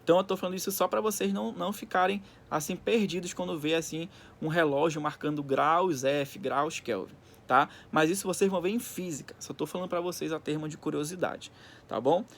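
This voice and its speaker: Higher-voiced man dictating a lesson. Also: steady tone, brisk, creaky. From Brazil. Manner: didactic, dictating textbook lines in segments with frequent check-in tags. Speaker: school geography teacher. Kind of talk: recorded lesson, reading from a textbook and explaining.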